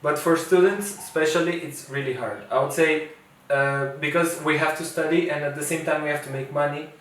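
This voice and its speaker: This is a twentysomething man whose first language is Portuguese, chatting casually as an international student being interviewed. His voice is a little high and a bit bright, a little fast, with fairly even intonation, and he's hesitant, full of fillers and restarts. The sound is echoey and faintly ambient, picked up by a distant mic.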